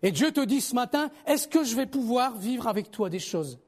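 A man delivers a sermon in a lively, conversational style, shifting between loud appeals to his audience and soft, low asides. He speaks at a normal speed.

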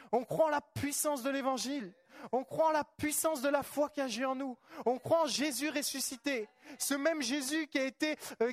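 Male preacher, high voice, fervent, repeats himself and quizzes the congregation; dry close sound. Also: fairly bright tone, dry recording. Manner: fervent, repetitive, asks the congregation rhetorical questions. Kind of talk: charismatic church sermon.

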